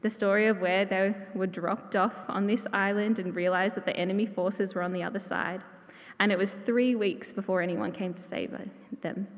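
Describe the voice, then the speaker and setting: A woman giving a memorial tribute in a church, telling warm stories with gentle humor. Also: medium pitch, fairly even intonation, moderate pace. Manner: heartfelt, gently humorous storytelling. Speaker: eulogy speaker. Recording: tinny, echoey church hall.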